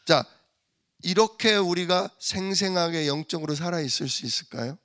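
Impassioned Korean pastor preaching a sermon. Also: male voice, high-pitched, normal speed, fairly bright tone. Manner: impassioned preaching, acting out mockers and church members, rising and dropping sharply.

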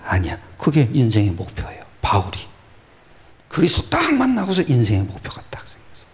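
This sermon comes from a pastor whose medium-pitched voice swoops wildly and runs a little fast. He veers from shouted exclamations to whispers, answering the rhetorical questions he raises.

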